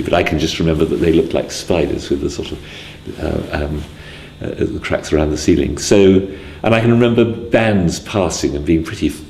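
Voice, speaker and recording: A man in his sixties from Wales, recalling his early life in a hesitant way, with many pauses and restarts. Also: rumbling low, creaky, darkish tone, roomy sound, a little hiss or hum. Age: 60s. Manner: hesitant, full of ums and restarts. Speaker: interviewee. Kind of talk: casual spoken memoir.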